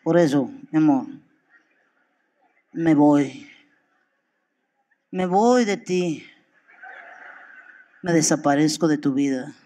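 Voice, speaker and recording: A melodramatic man bidding his lover farewell, voiced by an actor. He speaks very slowly and deliberately in a high, theatrical voice. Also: warm tone.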